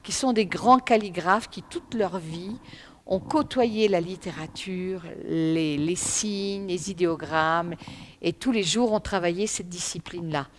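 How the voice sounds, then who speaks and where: A middle-aged woman giving a lively public talk on Chinese writing, emphatic and speaking straight to her audience. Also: fairly low pitch, unhurried, a little hiss or hum.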